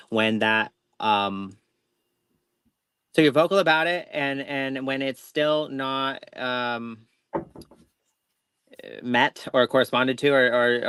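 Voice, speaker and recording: A man's voice: mid-range voice, a bit bright, clean tone, no echo, poor audio. A man co-hosting a live show, giving a tarot reading in a rambling, self-interrupting way with folksy reassurance. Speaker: tarot reader, co-host.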